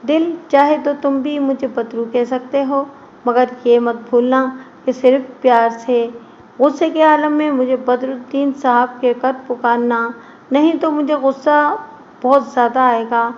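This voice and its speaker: A woman's voice: high-pitched, steady tone, a little slow, darkish tone, lo-fi sound, slight background noise. A woman voicing a talkative, playfully teasing young man in an audio story.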